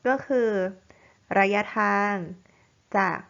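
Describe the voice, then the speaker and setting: A woman tutor running a vocabulary quiz lesson, explaining each word patiently and clearly. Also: extremely slow, fairly bright tone, dull audio.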